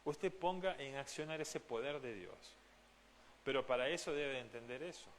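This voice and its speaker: A man's voice: medium pitch, normal speed, slight background noise. A man from Argentina, preaching a sermon as pastor, earnest and direct, often asking the congregation questions. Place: church.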